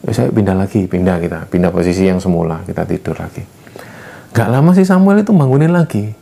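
A man's voice: fast talker, creaky. A young man casually recounting a ghost story, lifting his voice to act out the dialogue. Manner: lively retelling, acting out dialogue with raised pitch.

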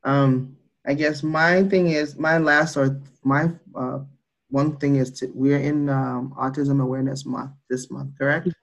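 A man's voice: medium pitch, fairly even intonation, a little slow, gravelly, dull audio. Man asking hesitant interview questions. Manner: hesitant, many fillers. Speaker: podcast co-host.

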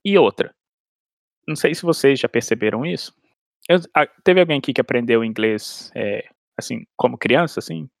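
A man's voice: mid-range voice, animated, moderate pace, gravelly, no room sound, clean studio sound. A man, explaining language learning in casual chat with everyday analogies and frequent restarts. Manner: explains with everyday analogies and acted-out inner dialogue. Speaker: language expert guest.

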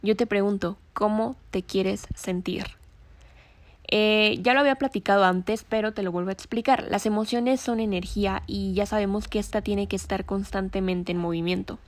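A woman talks gently and conversationally to her listener, often pausing to pose reflective questions. Her voice sits at a middle pitch. The recording is close and dry, with no room sound. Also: steady tone, no echo. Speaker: podcast host. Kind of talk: reflective self-help talk.

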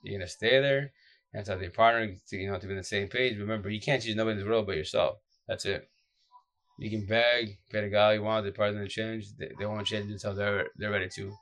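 A man speaks in a low, groggy voice that sounds drained from lack of sleep. He gives advice casually and off the cuff, like a streamer talking to followers. His delivery is blunt and slangy, circling back over the same short phrases. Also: fairly even intonation, fast, fairly bright tone. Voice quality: deep, groggy voice. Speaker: social media advice streamer.

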